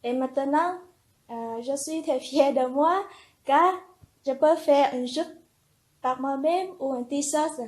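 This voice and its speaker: A young woman, a religious sister in formation, giving a slow, earnest personal testimony in simple phrases. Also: sits high, a little mellow.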